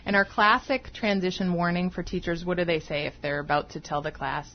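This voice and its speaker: A woman's voice: on the low side, fairly even intonation, fairly quick, lo-fi sound, a little hiss or hum. A woman guest on a radio talk show, explaining her field step by step with examples. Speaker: guest expert, behavioral analyst.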